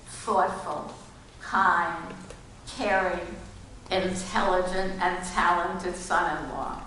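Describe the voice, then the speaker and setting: An older woman slowly reading a heartfelt memorial tribute for her son-in-law. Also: lowish voice, fairly bright tone, slight background noise. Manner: slow, measured, heartfelt. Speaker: mother-in-law giving a tribute. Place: community hall memorial gathering. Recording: echoey hall, distant mic.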